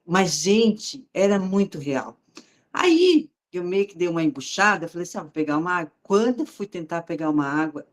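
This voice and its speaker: A woman's voice: deep voice, darkish tone. A woman, sharing a heartfelt personal faith testimony in a conversational, storytelling way and speaking directly to her listeners.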